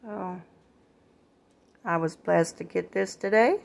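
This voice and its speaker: An older woman chatting casually through her grocery haul at home, homely and relaxed, addressing viewers as y'all, recorded on a phone in her kitchen. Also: on the low side, slow pace, creaky. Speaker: vlogger.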